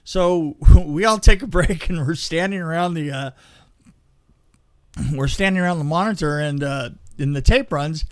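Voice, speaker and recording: A man with a fairly high-pitched voice recounts film crew tales on a podcast, speaking casually and animatedly with plenty of hesitation.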